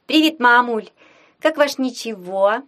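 A woman's voice: on the high side, expressive, unhurried, fairly bright tone, voice pushed up. A woman voicing a perky, spoiled teenage daughter calling home. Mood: sugary.

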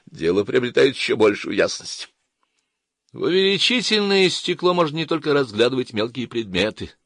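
A man narrates an audiobook in a low voice with lively, rising and falling intonation. The recording is dry and close, with no room sound. His reading is measured and expressive. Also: dry recording. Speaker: audiobook reader. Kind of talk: scripted narration.

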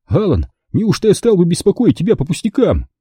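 A man voicing a flustered, excitable male art dealer in a storybook reading, shrill and exclamatory. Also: moderate pace, husky, no room sound, clean studio sound, heavily acted. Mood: agitated.

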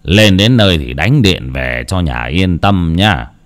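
A man voicing an old grandfather in his seventies who gives slow, heavy, solemn advice. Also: low-pitched, lively intonation, voice pushed down. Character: old grandfather with walking cane, grave.

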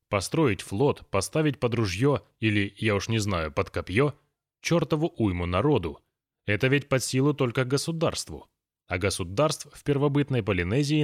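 A man reading a gruff lecturing grown man. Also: medium pitch, dry recording, clean studio sound, natural voice. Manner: thoughtful, lecturing, then scolding. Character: grown man, gruff know-it-all, bossy with kids.

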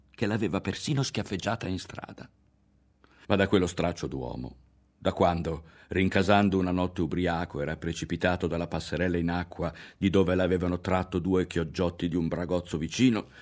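A man narrating a literary audiobook in a measured, expressive way. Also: low voice. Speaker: audiobook reader.

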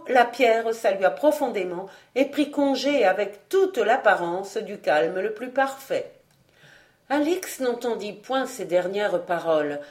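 A woman narrating an audiobook of a classic novel in a steady, measured way. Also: medium pitch. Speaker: audiobook reader. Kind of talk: storybook narration.

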